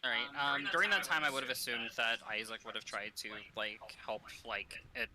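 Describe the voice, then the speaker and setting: A man's voice: medium pitch, steady tone, brisk, a loud crowd, low-quality recording. A man narrating as game master in a tabletop game, talking loosely with fillers.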